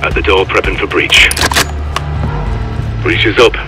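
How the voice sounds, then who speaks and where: An alert special forces operative reports in a low, businesslike voice. It is procedural military game dialogue, with music clearly underneath. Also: male voice, fairly even intonation, measured pace. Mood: focused, serious. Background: game score.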